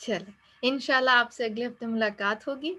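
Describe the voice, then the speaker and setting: A woman giving an encouraging Islamic course lecture, slipping English phrases into her talk. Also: a little high. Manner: gentle, encouraging, mixes English into Urdu. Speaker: Islamic studies teacher.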